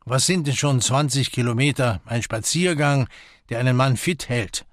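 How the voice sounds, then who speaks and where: A man playing a gruff old major. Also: medium pitch, moderate pace, no echo, clean studio sound, natural voice. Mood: terse. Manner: terse, gruff. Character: older retired army major, gruff and terse.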